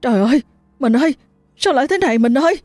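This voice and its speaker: Brief: woman voicing a sobbing, shrill rural husband, rushed and tearful. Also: animated, darkish tone, dry recording, faint music behind. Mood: wailing. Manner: wailing, frantic and tearful. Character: grieving village man wailing over his dead wife.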